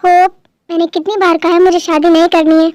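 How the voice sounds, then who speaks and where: A proud, stubborn elder sister in a fan dub drama, sharp and dismissive, as a very high-voiced dubber puts her on. The voice is very high and recorded completely dry. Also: level tone, a little fast, dry recording. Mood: firm.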